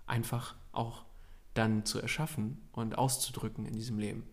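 A man's voice: fairly low pitch, little pitch movement, moderate pace. Earnest man coaching listeners on commitment. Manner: earnest, urges listeners directly. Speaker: podcast co-host. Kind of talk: casual coaching talk.

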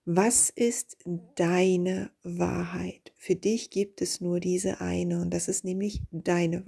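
A woman hosting a reflective spiritual podcast, speaking slowly and softly and dropping into whispers on her key questions. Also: on the low side. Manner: slow, soft and breathy, drifting into whispers on key questions. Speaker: podcast host and coach.

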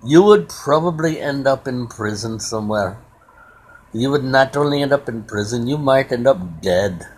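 A man's voice: mid-range voice, expressive, moderate pace, darkish tone, a little hiss or hum. A man with an Indian accent, a guest in a casual chat, speaking in a formal, insistent way.

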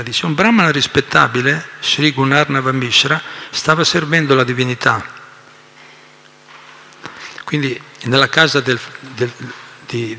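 A man explaining a scripture reading at a devotional class, telling the story in an animated way with asides and repetitions. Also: medium pitch, creaky, big-room sound.

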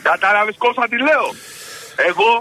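High-pitched forceful Greek man arguing. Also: rough recording. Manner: argumentative, emphatic, keeps interrupting. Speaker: radio show host. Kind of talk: heated sports radio debate.

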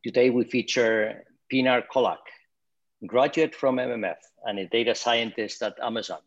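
A man's voice: medium pitch, highs cut off. A man, the program director, formally introduces a guest speaker at an online event.

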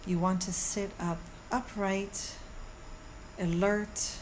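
A woman who teaches meditation guides a mindfulness practice in a soothing, gentle way, with measured pauses, like a calm yoga teacher. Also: mid-range voice, slight background noise, poor audio. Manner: unhurried, measured, with long pauses.

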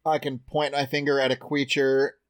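A man's voice: medium pitch, little pitch movement, normal speed, clean tone. A man chatting casually as a player at a tabletop game.

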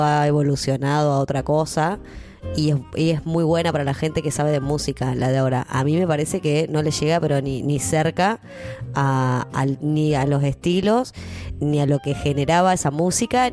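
A woman's voice: low voice, normal speed, a little mellow, faint music behind. A woman with an Argentine accent, a co-host in a casual chat who teases bluntly. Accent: Argentine Spanish.

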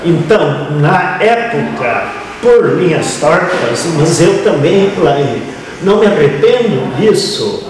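A man with a southern Brazilian accent telling his story as an interview guest, reflective and halting, pausing mid-phrase. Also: fairly high pitch, very animated, background noise. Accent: southern Brazilian, Rio Grande do Sul. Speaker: interview guest, family farmer. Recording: very echoey hall, distant mic, crowd murmur.

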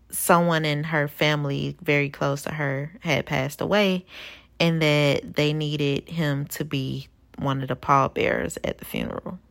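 A woman's voice: low-pitched, vocal fry. A woman hosting a podcast, telling a personal story in a candid, rambling way with lots of "you know" and "like". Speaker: podcast host.

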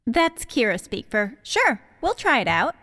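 A woman plays a bubbly, teasing young woman with a high, lively voice. Her voice bounces up and down as she gets easily thrilled in an audio drama. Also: a little slow, heavily acted. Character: excitable, playful young woman.

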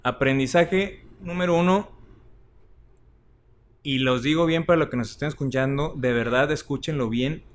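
A man's voice: medium pitch, moderate pace. A man with a Mexican accent hosting a casual podcast chat, earnest and advice-giving with slangy speech. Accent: Mexican Spanish. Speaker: podcast host.

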